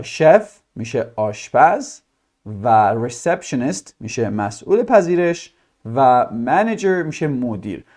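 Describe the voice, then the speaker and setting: Lively man teaching a language lesson. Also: medium pitch. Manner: explains quickly, repeats example questions slowly. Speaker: English teacher.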